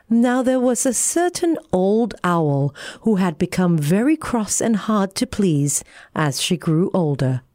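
A woman reading a bedtime sleep story for young children in an expressive storybook manner. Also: on the low side, dry recording, clean studio sound. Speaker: story reader.

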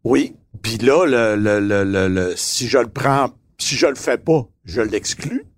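A man's voice: medium pitch, expressive, a little slow. A man in casual chat, telling a story and repeating his words. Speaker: comedian guest.

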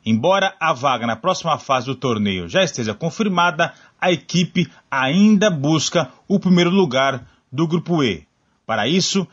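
A man with a Brazilian accent reading a scripted sports report in an even, measured way. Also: a little high, husky, muffled recording.

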